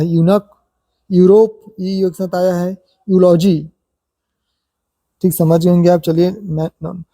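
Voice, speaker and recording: A man teaching English pronunciation in a spoken lesson, stepping through numbered rules and repeating example words slowly. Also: high voice, dark tone, no room sound.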